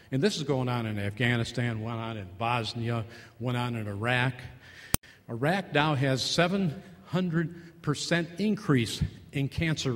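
An older male doctor talks from a podium microphone in a large convention hall, and the long reverb trails after his words. He speaks in a loose, conversational way, keeps restarting his sentences, and acts out short exchanges with his patients. His voice sits at an ordinary middle pitch for a man. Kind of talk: conference talk with slides.

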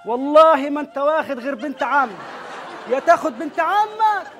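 A man's voice: extremely high pitch, big pitch swings, brisk, music in the background, voice pushed up. A man playing a stern older father from Upper Egypt with an Upper Egyptian accent, scolding his son and forbidding a marriage.

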